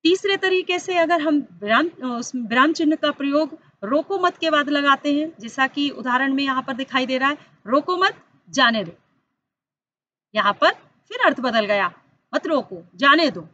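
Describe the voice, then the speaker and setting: A woman's voice: normal speed, a bit bright, dull audio. A woman teacher giving an online school lesson, explaining step by step, speaking directly to the children and lifting her voice on the examples. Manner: stresses key words with rising pitch on examples. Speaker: Hindi teacher.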